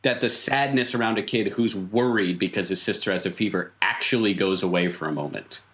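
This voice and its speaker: As game master of a tabletop roleplaying game, a man improvises narration in a fairly low-pitched, fairly bright voice. He halts as he thinks aloud and repeats words for emphasis.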